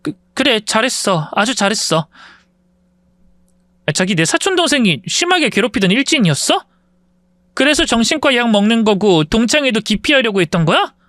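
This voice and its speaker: Male narrator plays a commanding young wife, high-pitched and scolding. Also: very animated, moderate pace, pushed and bright, no echo, heavily acted. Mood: pleading, shaken.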